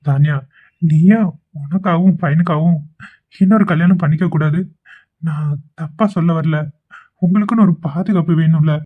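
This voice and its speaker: A concerned male friend in a cartoon, as a voice actor puts him on, earnest and gently persuasive, pitched in an ordinary middle range. The sound is thin and tinny, like a phone line. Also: moderate pace, long pauses, slightly rough, natural voice. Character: caring adult male old school friend. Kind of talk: amateur cartoon voice acting.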